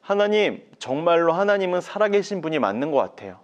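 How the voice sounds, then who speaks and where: A man's voice: fairly high pitch, very animated, quick pace. A man voicing the prophet Moses as an anxious, whiny adult man in a children's Bible story. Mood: pleading. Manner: whiny, fretful pleading.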